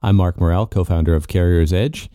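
A man's voice: sits low, fairly quick, mellow, no room sound, studio quality. A man co-hosting a podcast in casual, conversational talk. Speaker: podcast co-host. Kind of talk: casual chat.

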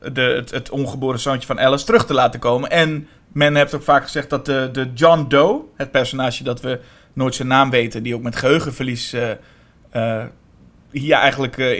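A man co-hosting a podcast, talking casually about horror films in quick, animated bursts with many fillers. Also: mid-range voice. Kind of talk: casual film discussion.

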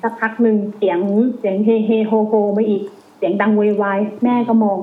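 A woman telling a ghost story in casual, animated chat, acting out voices as she goes. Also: medium pitch, a little fast. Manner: animated, acts out quoted voices in dialogue. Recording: tinny phone line with faint hiss.

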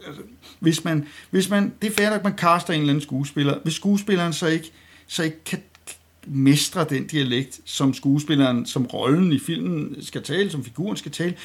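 A man with a somewhat high, gravelly voice and a husky edge hosts a weekly news roast. He talks in a mocking, ironic way and rambles, restarting his sentences and filling the gaps with hesitations. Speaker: host of a weekly satirical news column.

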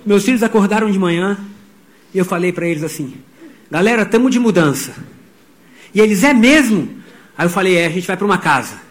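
A middle-aged pastor with a high voice delivers a sermon. He tells stories with energy and voices the people in them. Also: brisk, pauses often. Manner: animated storytelling, voicing quotes.

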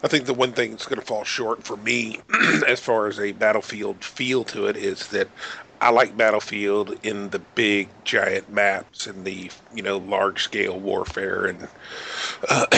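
A man's voice: on the low side, steady tone, unhurried, creaky, pushed and bright, a little hiss or hum, rough recording. A man in a casual gaming podcast chat, blunt and opinionated, cracking crude jokes.

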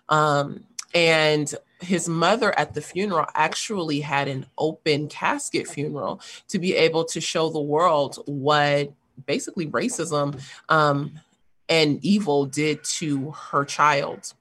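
A woman's voice: low voice, measured pace, a bit bright, breathy edge. A woman in casual discussion, speaking earnestly and thinking aloud with frequent fillers.

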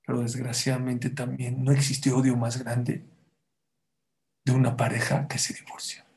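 A man's voice: mid-range voice, completely flat delivery, normal speed, vocal fry. A man giving a sermon as a rabbi, telling stories and asking the audience rhetorical questions.

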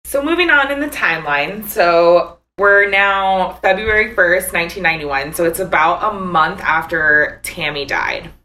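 A woman's voice: on the low side, expressive, a little slow, hardly any pauses, sharp tone, rough recording. A woman co-hosting a true-crime chat, casual and chatty with lots of fillers and outraged asides. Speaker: podcast co-host.

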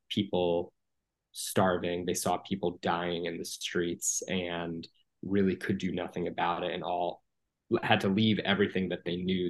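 A man in his thirties from the United States speaks as an interview guest in a low, even voice that barely rises or falls. He talks earnestly and steadily, leaning on "um" and "you know" as he gathers his thoughts. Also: poor audio. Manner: earnest, measured, many "um" and "you know" fillers. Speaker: guest, former political appointee. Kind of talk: podcast interview.

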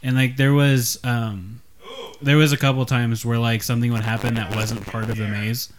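A man's voice: mid-range voice, normal speed, slight background noise. Young guy rambling on a podcast, easygoing, mid voice, lots of "like". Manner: rambling, relaxed, full of fillers and jokes. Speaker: podcast co-host. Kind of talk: casual chat.

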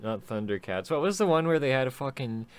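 A man from the Spokane area in casual crude chat, throwing in slow joking side comments. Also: medium pitch, animated, clean tone.

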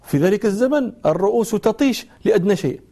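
A man teaching a religious lesson, weaving a story into careful grammar points. His voice sits a little high yet sounds soft and warm. He poses questions to the listeners and answers them himself. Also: quick pace, creaky. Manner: explains grammar patiently, acts out quoted dialogue; lively storyteller with rising questions. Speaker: Islamic scholar and teacher.

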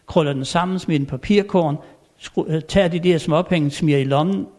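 An older man telling anecdotes in a chatty way, chuckling often and filling pauses. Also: on the high side, a little mellow. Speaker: storyteller. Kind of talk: anecdotal storytelling.

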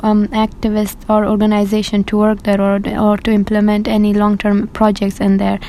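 A woman's voice: mid-range voice, dark tone, slight background noise, low-quality recording. A young woman from Afghanistan, an activist answering interview questions carefully, with many fillers and restarts. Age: young adult.

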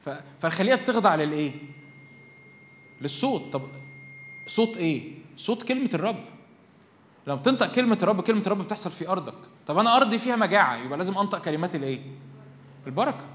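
Young egyptian guy preaching fast, high voice, reverby church hall. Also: a little hiss or hum. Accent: Egyptian Arabic. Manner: animated, asks the crowd questions and acts out voices. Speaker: youth meeting preacher. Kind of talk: lively Egyptian Arabic sermon.

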